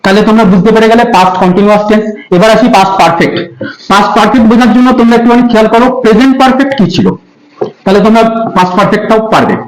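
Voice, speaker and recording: Patient schoolteacher with a Bengali accent, high pitch, echoey room sound, repeats rules and checks understanding. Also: female voice, rapid-fire. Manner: patient, repeats key terms, asks checking questions. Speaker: teacher. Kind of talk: grammar lesson for school students.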